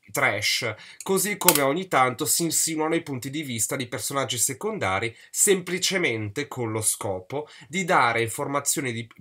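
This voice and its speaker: A man reviewing a book on his vlog, sarcastic and mocking, breaking into sudden loud outbursts. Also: medium pitch.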